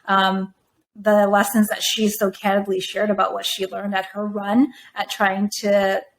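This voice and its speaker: A woman from Taiwan, a native Mandarin speaker, answering podcast interview questions in a measured, thoughtful way. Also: medium pitch, completely flat delivery, a little hiss or hum. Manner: measured, thoughtful, with frequent fillers. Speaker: podcast guest, venture firm operator. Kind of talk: conversational interview.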